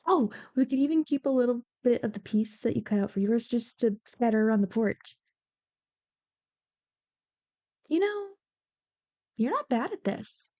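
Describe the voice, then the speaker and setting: In an ASMR roleplay, a woman plays a bubbly young childhood friend, bantering and teasing as if chatting with one listener. Her fairly high, slightly mellow voice has lively intonation at a moderate pace, and her mood is playful and teasing. The recording is very dry.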